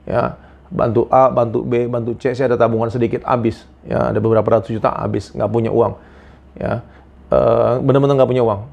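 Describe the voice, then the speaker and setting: A male pastor preaching a sermon, telling personal stories with big swings between loud emphasis and quiet asides. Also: mid-range voice, flat delivery, a little fast, creaky, muffled recording. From Indonesia.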